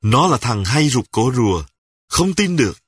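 A man's voice: mid-range voice, sing-song, moderate pace, breathy edge, dry recording, studio quality. A man voicing an irritable, scornful gang member. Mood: irritated.

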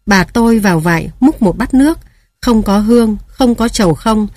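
A woman narrating a story in a calm, measured reading voice. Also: mid-range voice, dry recording, studio quality.

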